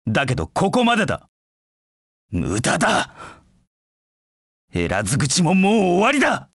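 Shadow, a haughty, slow-spoken hedgehog knight. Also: male voice, high voice, huge pitch swings, fairly bright tone, no echo, clean studio sound, exaggerated voice. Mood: scornful. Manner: arrogant, curt, disdainful. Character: proud, cold anthropomorphic hedgehog knight, a brooding young male rival. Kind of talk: Japanese video game battle voice clips.

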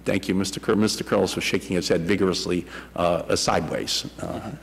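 Briskly, the committee chairman, a Boston-accented man in his sixties, asks questions at a congressional hearing, stumbling through many fillers and restarts. His low voice is steady in tone but creaky with a breathy edge. He speaks into a desk microphone in a large hearing room with a long reverb tail.

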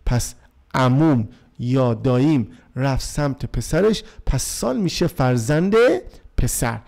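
A man's voice: mid-range voice, animated, creaky, a little mellow. Persian-accented man teaching English vocabulary. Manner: reads English lines slowly, then translates; addresses the class as kids. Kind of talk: explaining textbook vocabulary to students.

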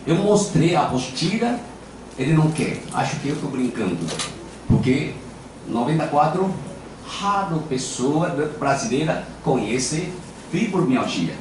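An older man with a Japanese accent gives an informal acupuncture lecture in Portuguese, holding a handheld mic in a large hall full of people. His fairly high voice swings widely in pitch at a measured pace as he tells playful, self-deprecating anecdotes. A distant camera picks up hall echo and background noise.

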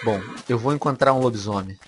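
A young man with a Brazilian accent commentating a game he is playing, animated and quick to squeal and laugh. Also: mid-range voice, a little hiss or hum. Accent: Brazilian Portuguese. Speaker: gaming video host.

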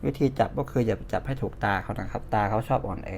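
Man with a Thai accent, gravelly voice, chatty hands-on toy review, faint hiss behind. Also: on the low side, rapid-fire. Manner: chatty, hands-on, pointing things out. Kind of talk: casual toy review demo.

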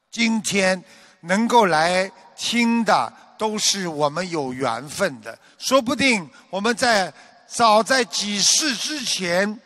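A man with a notably high voice delivers a Buddhist sermon at an unhurried pace. His tone is measured and instructive, and he turns lively when he tells a joke. The sound is dry and close, with little room tone. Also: no echo. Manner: measured preaching, animated when telling a joke. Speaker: Buddhist teacher. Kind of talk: dharma talk sermon.

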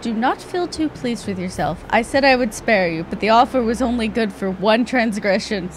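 A woman voicing a stern, composed young queen from a fantasy video game, formal and measured. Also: on the high side, expressive, slight background noise, lightly acted, poor audio. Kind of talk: reading game dialogue aloud.

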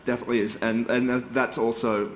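A man's voice: mid-range voice, little pitch movement, fast talker. A young man, a panel guest on a conference stage, talking earnestly and reflectively with frequent restarts. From Australia. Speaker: panel guest, band singer. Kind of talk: conversational panel talk. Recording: roomy hall with faint noise.

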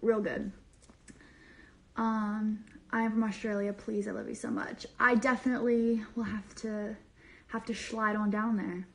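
This young woman, a social media creator on a livestream, reads comments aloud from her bedroom in a playful, bubbly ramble loaded with slang. Her mid-range voice is unhurried, creaky and fairly even in intonation, recorded on a phone camera at arm's length in the small room.

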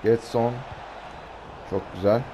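A hoarse man, giving excitable live commentary over a football video game and shouting out player names in bursts. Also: medium pitch, takes it slowly, background noise. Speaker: gaming YouTuber.

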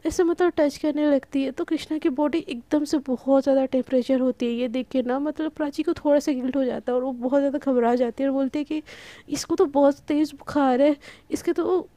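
A hoarse woman tells a love story in a casual, filler-filled retelling. Her voice sits high but sounds mellow and dark. The recording is dry and close. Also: steady tone, no echo. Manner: breathless, many fillers, fast retelling.

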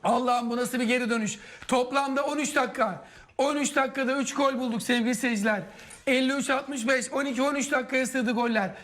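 A man's voice: extremely high pitch, fairly even intonation, fast talker, a bit bright. An impassioned man in live football co-commentary. He openly backs his team, following each pass and urging players on in short, repeated bursts.

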